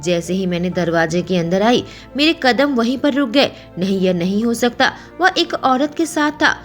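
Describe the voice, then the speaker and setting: A woman narrating a romance story in first person, emotional and expressive. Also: on the high side, moderate pace, faint music behind.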